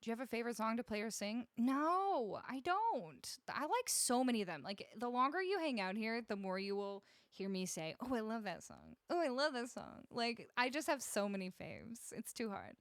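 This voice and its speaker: A woman's voice: fairly high pitch, big pitch swings, moderate pace, few pauses, dry recording. A woman music streamer chatting casually with her live viewers on a close studio mic. She laughs often and greets each viewer by name. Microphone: studio broadcast microphone, close.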